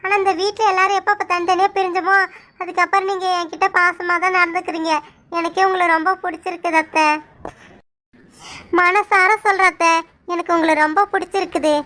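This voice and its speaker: A woman's voice: extremely high pitch, little pitch movement, fairly quick, bright, forceful tone. A woman voicing a suspicious young village wife in a cartoon, accusing and insistent. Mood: soothing. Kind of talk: cartoon voice acting.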